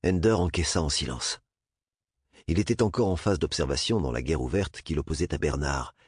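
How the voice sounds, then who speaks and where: A man narrating a novel as an audiobook in a measured, expressive way. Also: a bass voice, husky, dry recording, studio quality. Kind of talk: audiobook reading.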